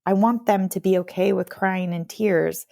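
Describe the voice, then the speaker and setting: Reflective woman, halting speech. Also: medium pitch, fairly even intonation, vocal fry, mellow, dry recording, clean studio sound. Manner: halting, reflective, many fillers. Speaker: podcast guest. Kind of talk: candid interview conversation.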